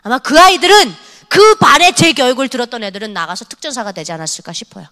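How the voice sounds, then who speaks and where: A young woman from North Korea giving a lively testimony sermon at a church youth service, scolding and acting out conversations. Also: fairly high pitch, quick pace, long reverb tail. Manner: animated, scolding, acts out dialogue. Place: church hall.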